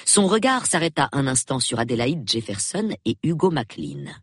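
Brief: calm female audiobook narrator, lively pitch, husky. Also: moderate pace, dry recording, clean studio sound.

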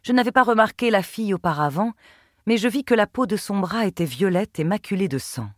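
A woman narrating a novel in the first person, in a measured, composed storytelling manner. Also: mid-range voice, expressive, no room sound, studio quality. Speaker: audiobook narrator.

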